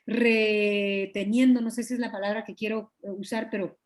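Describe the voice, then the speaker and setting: A woman, a pastor's wife, teaching a Bible study over a video call with a Guatemalan Spanish accent, earnest and confiding, often clearing her throat. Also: mid-range voice, steady tone, normal speed. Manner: earnest, confiding, acts out quoted dialogue.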